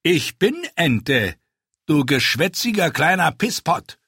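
A man voicing a big, brash, bearded knight who talks loud and boastful in a storybook reading. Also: on the high side, sing-song, a little slow, breathy edge, no room sound, studio quality, voice pushed up, heavily acted. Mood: blustering.

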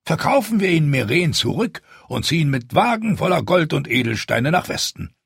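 A man's voice: on the high side, sing-song, moderate pace, creaky, fairly bright tone, husky, dry recording, studio quality, pitched above the performer's own voice, exaggerated voice. A man voicing a cheerful old mercenary captain who drawls and hems as he argues. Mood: scheming. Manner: hesitant, drawling, many filler sounds.

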